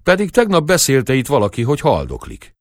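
A man's voice: mid-range voice, wildly swooping pitch, no room sound, studio quality, pitched above the performer's own voice. A man voicing a hostile, proud old shepherd who speaks suspiciously and tauntingly.

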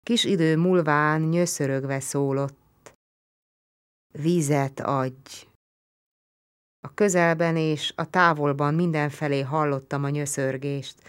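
A woman with a low voice reads a novel aloud. Her narration is slow and sombre. She keeps a steady, serious tone. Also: clean tone. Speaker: audiobook reader. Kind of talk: literary narration.

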